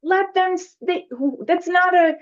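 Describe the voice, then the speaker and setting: A woman's voice: very high voice, measured pace. A woman village trustee arguing passionately and emphatically at a public board meeting. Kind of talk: heated public meeting debate. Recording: dull lo-fi meeting recording.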